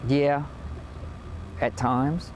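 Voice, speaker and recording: Cajun-accented man, mid-pitched and casual. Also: fairly even intonation, drawn-out words, a little mellow, a little hiss or hum. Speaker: interviewee. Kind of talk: casual interview and joke telling.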